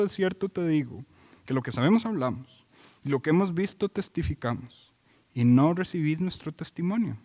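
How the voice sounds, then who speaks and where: A man delivers an expository sermon in a notably high voice. He preaches emphatically, stacking repeated phrases and turning to the congregation with questions. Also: darkish tone, big-room sound. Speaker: pastor.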